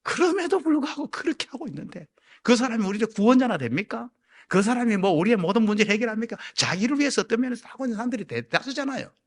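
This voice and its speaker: A male pastor preaching a sermon, moving from hushed, near-whispered lines to loud, ringing exhortations, and acting out the people in his stories. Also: extremely high pitch, fast talker. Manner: acts out quoted people in raised, excited voices. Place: church sanctuary.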